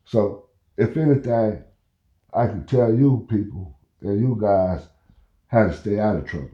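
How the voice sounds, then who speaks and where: Speaking a little slowly in a lowish voice, a fifties-aged podcast host from Oklahoma rambles through a story in easygoing talk. He often asks "you know where I'm coming from." The recording sounds muffled, with room echo.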